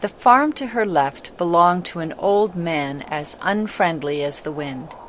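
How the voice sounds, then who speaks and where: Reading from a script, a low-voiced woman narrates a children's story with drama and a slightly slow pace. A bit of background noise can be heard.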